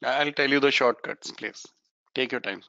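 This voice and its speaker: Male online tutor, Indian accent, encouraging and chatty, Hindi-English mix, smooth bright voice, slightly muffled recording. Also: mid-range voice, normal speed, dry recording. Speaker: physics teacher. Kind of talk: informal online lesson, explaining problems to students. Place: indoors, online class over webcam.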